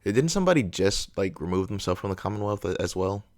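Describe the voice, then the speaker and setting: Deep gravelly-voiced man musing aloud. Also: lively intonation, fast, a little mellow, no echo, clean studio sound. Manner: musing, unsure, hedging aloud. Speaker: reaction video host. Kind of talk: casual reaction commentary.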